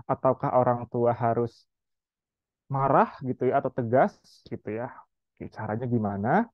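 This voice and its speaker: Calm patient man giving parenting advice. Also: mid-range voice, moderate pace, dry recording, dull audio. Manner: calm, patient explaining with filler "gitu ya"; acts out short parent-to-child lines in a gentle voice. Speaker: child psychology educator. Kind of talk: webinar lecture to parents.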